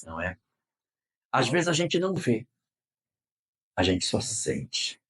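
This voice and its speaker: A man's voice: mid-range voice, a bit bright, slightly rough. A man with a Brazilian accent giving a religious lecture and telling stories expressively, repeating phrases for emphasis. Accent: Brazilian Portuguese. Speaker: spiritist lecturer.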